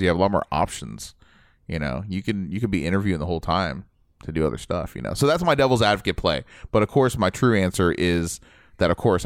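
Casting note: man, quick talker, lowish voice, dry close mic, loose and profane podcast chatter. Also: dry recording. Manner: fast-talking, swears freely, laughs easily. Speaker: podcast co-host. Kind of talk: casual podcast chat.

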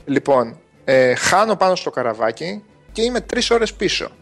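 Gravelly-voiced man, joking podcast co-host. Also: on the high side, big pitch swings, a bit bright, soft background music. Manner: joking, colloquial, self-deprecating. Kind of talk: casual chat about video games.

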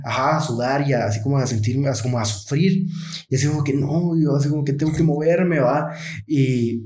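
A man's voice: medium pitch, fairly quick, a little mellow. A man telling a personal story in casual chat, hesitant and searching for his words. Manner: hesitant, searches for words, many fillers like "o sea" and "como que". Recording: echoey room.

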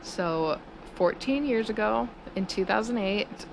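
Giggly woman podcaster, noisy low-quality audio. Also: animated, measured pace, gravelly. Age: 30s. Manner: chatty, giggles nervously between thoughts. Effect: low-quality audio with street noise. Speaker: podcast host. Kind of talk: casual solo podcast monologue. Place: small home studio on a busy city street. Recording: noisy low-quality street-side recording. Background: traffic and air-conditioner hum.

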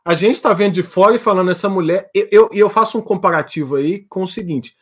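A man's voice: high-pitched, fast, breathy edge. A Brazilian man with a tongue-tied, slightly slushy lisp and trouble rolling his R, chatting casually and teasingly in a group discussion.

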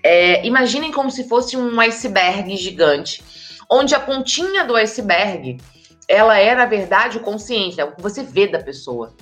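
Woman, communication trainer, emphatic lecture, mid pitch, faint background music. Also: normal speed. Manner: lively, emphatic, speaks straight to the audience. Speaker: communication and body language trainer. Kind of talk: expressive presentation lecture. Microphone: camera with slides, hands in frame.

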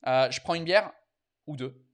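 A man's voice: on the high side, moderate pace. Swearing bilingual comedian host, man. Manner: mixes French and English, swears freely. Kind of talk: casual bilingual live chat.

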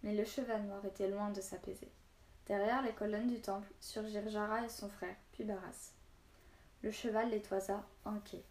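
A woman reads a story aloud with steady, expressive narration, briefly voicing the characters in dialogue. Her voice sits at a middle pitch. The sound carries a roomy echo. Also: moderate pace. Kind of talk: reading a children's novel aloud.

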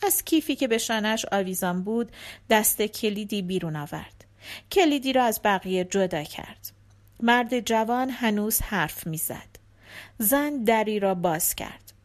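A woman reading a short story aloud in a calm, measured narrating voice. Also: mid-range voice. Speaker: audiobook narrator. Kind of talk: scripted narration.

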